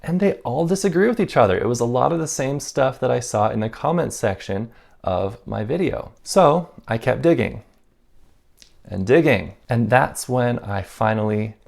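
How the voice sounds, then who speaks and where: Male stationery vlogger, casual and self-mocking, with a gravelly edge and mid-range pitch. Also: expressive, normal speed, darkish tone. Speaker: stationery YouTuber. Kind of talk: casual vlog talk.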